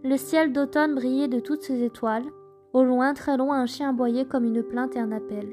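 A woman narrating traditional folk tales in a measured, gentle storytelling manner. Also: high voice, fairly even intonation, over music. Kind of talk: scripted folk tale narration.

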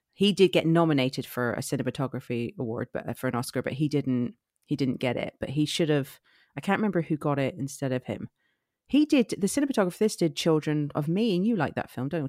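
A woman's voice: low-pitched, lively intonation, a little fast, darkish tone, dry recording, studio quality. A woman from Somerset with a West Country accent, chatting casually and bluntly about films, with some swearing. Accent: West Country English, Somerset. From Somerset, England. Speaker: film podcast co-host. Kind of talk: casual film chat.

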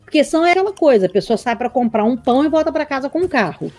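A woman speaks in casual conversation, her pitch swinging widely as she tells animated stories. Her tone is mellow and warm, and she acts out each side of the dialogue. The recording is dry and close, with faint music behind her. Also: very fast, no echo. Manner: animated storyteller, acts out both sides of dialogues. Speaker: mentor sharing her experience.

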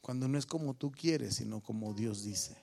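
A man's voice: mid-range voice, moderate pace, gravelly, darkish tone, faint music behind. A middle-aged man with a Mexican accent preaching a sermon to his church, firing questions at the congregation and teasing listeners by name. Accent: Mexican Spanish. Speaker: pastor.

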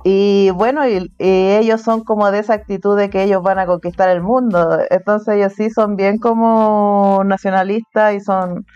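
Chilean woman, smooth voice, casual chat. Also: medium pitch, fairly even intonation, normal speed, hardly any pauses, a little mellow, dry recording, dull audio, faint music behind. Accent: Chilean Spanish. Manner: casual, chatty, laughs between points. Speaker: interviewee, artist living abroad. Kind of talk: remote interview conversation.

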